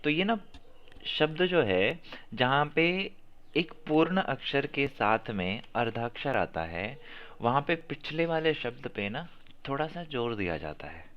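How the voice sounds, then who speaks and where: A man's voice: medium pitch, big pitch swings, unhurried, clear, resonant tone. A man teaching a class on chanting, correcting pronunciation by repeating verses and stressing syllables. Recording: muffled lo-fi audio.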